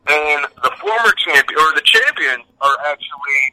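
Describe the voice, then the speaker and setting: A man's voice: on the high side, lively intonation, moderate pace, bright, forceful tone. A man calling in over the phone to a casual podcast, rambling with many fillers and swearing. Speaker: podcast co-host on a phone line. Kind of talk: casual wrestling podcast chat. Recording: tinny phone line.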